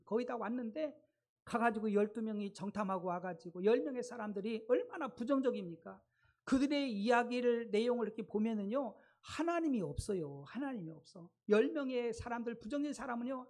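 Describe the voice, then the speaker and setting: A man's voice: extremely high pitch, lively intonation, a little fast, darkish tone. A man preaching a sermon as a pastor in a church, retelling stories in a colloquial way and asking the congregation rhetorical questions. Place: church sanctuary.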